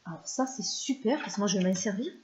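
A woman's voice: mid-range voice, expressive, fast talker, dull audio, background noise. A French-speaking woman vlogger chatting casually about her favorite channels, with many hesitations and fillers.

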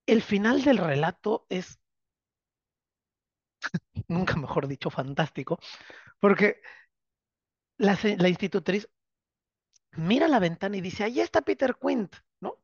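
A literature teacher lectures a course class, retelling the story with animated drama and tossing "right?" checks to the students. The recording sounds dull and lo-fi. It is bone-dry, with no room sound. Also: mid-range voice, takes it slowly, pauses often, slightly rough, dry recording. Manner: keeps checking understanding with tag questions.

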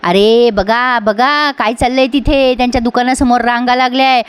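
A scheming middle-aged village villainess who scolds and plots out loud, as a woman puts her on. The voice is high and close, with no room sound. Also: fairly even intonation, normal speed, clean tone, no room sound, close to an everyday voice. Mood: scolding.

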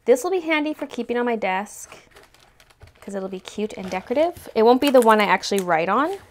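A woman's voice: fairly high pitch, expressive, fairly quick, a little hiss or hum. A young adult woman chatting casually through an unboxing, gushing and exclaiming over cute things. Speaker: unboxing video host. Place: indoors, tabletop product shoot, speaker off camera.

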